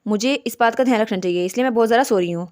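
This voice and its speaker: A woman's voice: fairly high pitch, very fast, darkish tone, clear, resonant tone, natural voice. A woman reading the lines of a stern, protective wealthy male duke in a storybook retelling, giving urgent orders.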